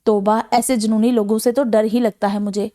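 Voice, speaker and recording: A man's voice: high voice, flat delivery, dark tone, lightly acted. A woman voicing a timid young man from a novel, nervous and worried. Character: timid fearful young man, college student.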